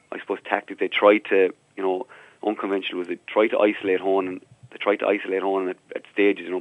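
Fast-talking low-voiced west of Ireland man. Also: dry recording, phone-quality sound. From County Clare, west of Ireland. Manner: wordy, peppered with verbal tags like "you know". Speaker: sports pundit. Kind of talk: unscripted radio sports analysis.

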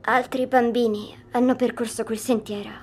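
An actress playing a young girl who calmly and quietly recounts a strange dream in an audio drama. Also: fairly high pitch, normal speed, slightly rough. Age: child figure. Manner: calm, hushed storytelling.

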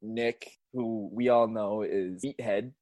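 A man's voice: lowish voice, fairly even intonation, slow, darkish tone, dry recording. A young man co-hosting a podcast, chatting casually, laughing often and swearing freely. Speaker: podcast co-host. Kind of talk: casual chat.

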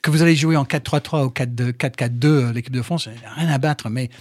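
A middle-aged man from England, a podcast guest, telling stories in French with an English accent, animated and full of restarts. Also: mid-range voice, brisk, dry recording, studio quality. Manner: animated storyteller, fillers and restarts. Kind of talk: casual conversation. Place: studio.

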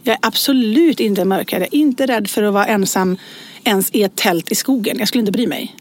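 A woman in her forties telling anecdotes in casual chat, acting out voices as she tells them. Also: medium pitch. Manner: animated storyteller, acts out voices in anecdotes. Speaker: podcast co-host.

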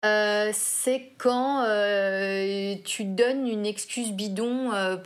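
A woman playing a word game who talks haltingly, with many filler sounds. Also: medium pitch, steady tone. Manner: hesitant, lots of filler sounds. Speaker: game player, parent. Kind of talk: casual chat. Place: apartment.

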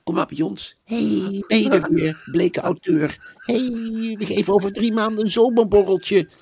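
Guy putting on a syrupy publisher type, high and sweet, half whispering, gravelly underneath. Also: fairly even intonation, moderate pace, heavily acted. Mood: coaxing. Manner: mock-sweet, coaxing, hushed to whispering. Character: gushing male publisher wooing authors.

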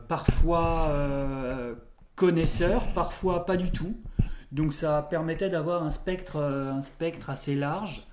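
A man, an artist, talking as a guest in a casual interview, relaxed and thoughtful with loose phrasing. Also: a little high.

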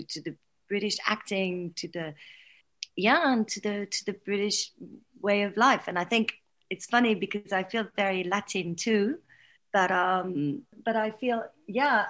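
French actress guest, casual and halting, repeats words, laughs often. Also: female voice, mid-range voice, fairly bright tone. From Paris, France. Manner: hesitant, many restarts and repeated words; laughs often while talking. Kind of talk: casual interview chat.

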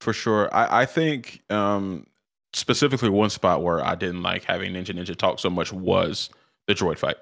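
Deep gravelly guy cohosting a podcast, swears a lot, dry close sound. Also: moderate pace, fairly bright tone, no echo. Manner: asks questions, swears casually. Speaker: podcast co-host. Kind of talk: casual chat.

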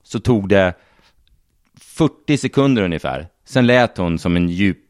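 A man chatting on a podcast, his low voice recorded dry and close. He talks slowly, stopping and restarting with plenty of fillers. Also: expressive, no echo. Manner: slow, halting, with many fillers. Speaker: podcast co-host. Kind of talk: casual podcast chat.

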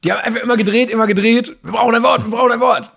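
A man's voice: very high-pitched, steady tone, racing, gravelly, a bit bright. A man co-hosting a podcast, chatting casually with playful, jokey banter. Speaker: podcast co-host. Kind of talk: casual chat.

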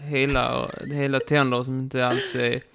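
A man's voice: medium pitch, flat delivery, vocal fry, fairly bright tone, slight background noise. A man co-hosting a podcast in casual chat, dry and a bit hesitant. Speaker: podcast co-host.

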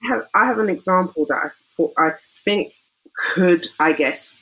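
Woman with a low pitch, relaxed conversational telling of an anecdote. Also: normal speed, breathy edge, rough recording. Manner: recounts an example at length, hedging often. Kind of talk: casual discussion.

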